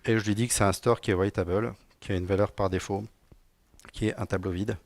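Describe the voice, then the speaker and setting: Low gravelly guy doing a live coding conference talk, chatty and jokey, lots of ums, dry close mic. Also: fairly even intonation, a little fast, no room sound. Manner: casual and joking, many fillers. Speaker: conference speaker, technical director. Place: conference room with an audience.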